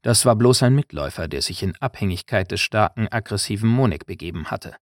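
A man reading an audiobook in measured scripted narration. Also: fairly low pitch, lively intonation, no echo, clean studio sound.

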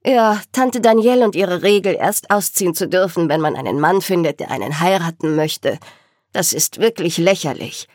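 A woman's voice: lowish voice, animated, normal speed, no echo, clean studio sound. A woman voicing an affectionate, somewhat theatrical older sister in an audiobook. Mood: indignant. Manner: warm, doting, a little dramatic. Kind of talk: audiobook character dialogue.

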